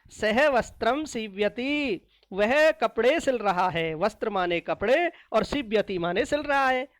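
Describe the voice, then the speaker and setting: A woman teacher explaining a lesson to children, slowly repeating each word and asking questions that she answers herself. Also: a little high, no room sound. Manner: slow and repetitive, asks questions then answers them.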